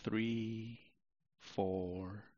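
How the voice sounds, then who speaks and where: A man narrating a guided sleep meditation like a sleep story, soothing and unhurried, with long pauses, on a muffled recording. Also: on the low side, fairly even intonation, a little mellow, dry recording.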